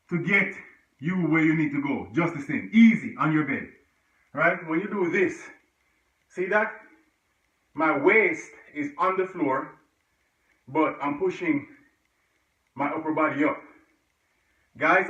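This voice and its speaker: Slightly high and fairly bright, a man's voice guides a home workout with friendly chatter and encouragement. He's a fitness instructor who sometimes gets winded, grunting between moves. It's recorded in an echoey room on a mic that is anything but dull.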